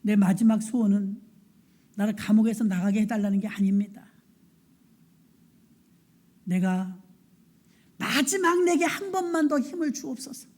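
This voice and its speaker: A woman voicing Samson as a blind, captive strongman who prays and pleads in a low, hushed voice. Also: unhurried, pauses often, natural voice. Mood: pleading prayer.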